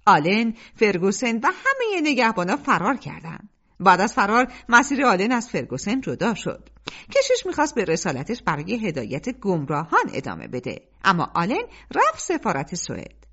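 A woman narrates an audiobook in a storytelling voice, her pitch rising and falling across a very wide range. The sound is dull and lo-fi, without crisp highs. She keeps it lively throughout.

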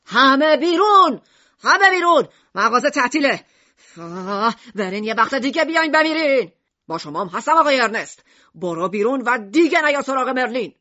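A woman voicing a gruff, irritable middle-aged male shopkeeper in an audiobook, speaking low and sarcastically. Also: very animated, fairly bright tone, no echo, dull audio. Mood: shouting angrily. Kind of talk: audiobook character voice.

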